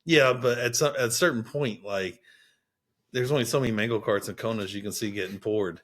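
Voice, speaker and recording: A man's voice: lowish voice, a bit bright. A man in his thirties co-hosting a podcast in casual chat, teasing his partner and laughing often. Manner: teasing, laughs often, quick agreeing interjections. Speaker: podcast co-host.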